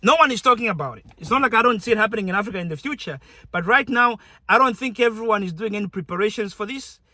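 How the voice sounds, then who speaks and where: Talking fast and expressively, this young Zambian YouTuber addresses his audience in a chatty, conversational way and keeps restarting sentences. The voice sits high and sounds pushed and bright in a dry recording.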